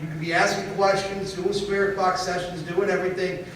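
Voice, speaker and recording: Higher-voiced man in an echoey hall. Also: little pitch movement, brisk, a bit bright. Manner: emphatic, keeps checking in with "okay?". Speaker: paranormal investigator presenting evidence. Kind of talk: convention panel talk. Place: convention panel hall. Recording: echoey hall, distant, faint hiss.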